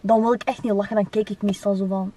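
A woman's voice: medium pitch, steady tone, fast, a crowd in the background. A young woman with a Flemish accent, arguing casually with friends in slangy speech sprinkled with English. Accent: Flemish Belgian. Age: young adult. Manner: slangy, argumentative, with English words mixed in. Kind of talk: casual debate among friends. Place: inside a car. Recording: distant mic, noisy car interior.

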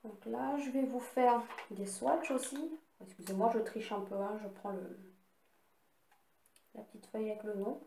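Slow-talking woman showing makeup. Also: a little high, fairly even intonation, vocal fry, warm tone, a little hiss or hum. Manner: chatty, unhurried, apologetic asides. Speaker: beauty vlogger. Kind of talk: casual makeup haul with swatches. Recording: echoey room.

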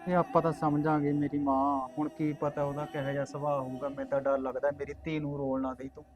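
A man's voice: fairly high pitch, flat delivery, fast, lightly acted. A man acting as a widowed son, reluctant and pleading with his mother. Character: grieving widower son, worried for his daughter.

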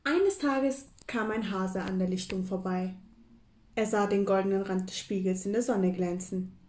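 A woman reading a children's book aloud in a gentle, clear storytelling voice. Her tone is mellow and warm, at a middle pitch. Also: a little slow, slight background noise.

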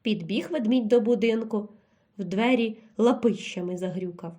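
A woman narrating a children's fairy tale in an expressive, animated storytelling manner. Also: mid-range voice, normal speed.

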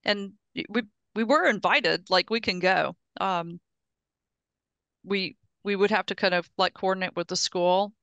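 A woman's voice: mid-range voice, measured pace, fairly bright tone, dry recording, highs cut off. A middle-aged woman on a video call through a headset mic, giving a casual technical update and explaining step by step with frequent restarts. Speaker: project presenter at an engineering meetup. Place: home office on a video call.

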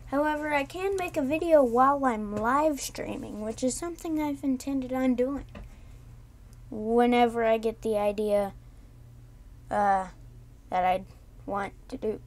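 A woman giving casual gameplay commentary in a sleepy monotone, having just woken up. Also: a little high, a little slow, pauses often. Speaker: gaming YouTuber.

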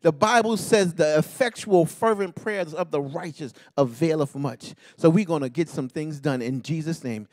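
A man pastor leading a fervent intercessory prayer, ending nearly every phrase with a call to God, rhythmic and half-sung, rising to shouts. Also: on the high side, moderate pace, few pauses, no room sound, studio quality.

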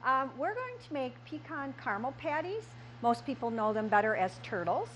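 A woman's voice: high voice, sing-song, moderate pace, fairly bright tone, muffled recording, slight background noise. A middle-aged woman, a candy shop owner, walking through a recipe step by step in a small kitchen, with frequent fillers. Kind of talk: cooking demonstration.

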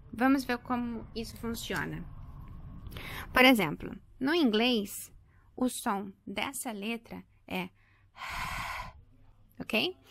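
A woman's voice: a little high, fairly bright tone, no room sound. A woman, explaining an English grammar lesson and repeating example words patiently for her students. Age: 30s. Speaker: English teacher.

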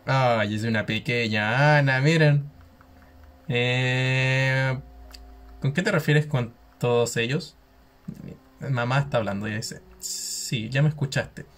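A young Chilean man playing a game, reading its dialogue aloud haltingly with restarts and slangy asides. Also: mid-range voice, fairly even intonation, fairly bright tone. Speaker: gameplay streamer.

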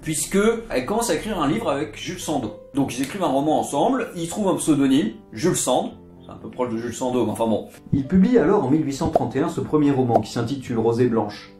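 A fast-talking man with a mellow, medium-pitched voice and lively intonation hosts a literature video, telling history in a casual, chatty lecture full of jokey asides and digressions. Faint guitar music sits behind him in an echoey space.

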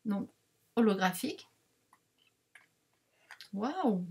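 A woman chatting to her viewers while unboxing craft supplies, rambling, excitable and quick to apologize. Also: mid-range voice, breathy edge. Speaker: craft vlogger unboxing a parcel. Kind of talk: casual unboxing chat to viewers.

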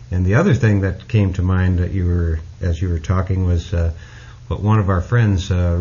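A man hosting a podcast, responding to his guest in a measured, reflective way with frequent fillers. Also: sits low, darkish tone, muffled recording. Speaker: podcast host. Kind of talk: casual interview chat.

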